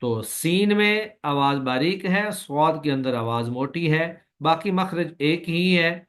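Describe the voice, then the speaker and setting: A man who teaches Quran recitation, giving a recorded lecture and explaining slowly and patiently, with long drawn-out sample sounds and a Pakistani Urdu accent. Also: on the high side, fairly bright tone. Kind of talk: recorded lecture on letter pronunciation.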